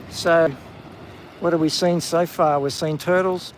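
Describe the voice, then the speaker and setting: A man casually hosting a live walking stream on a coastal clifftop, chatty with plenty of ums and excited whenever he spots something. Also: a little high, a little hiss or hum, low-quality recording. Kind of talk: live walking vlog commentary. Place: outdoors on a coastal clifftop walk.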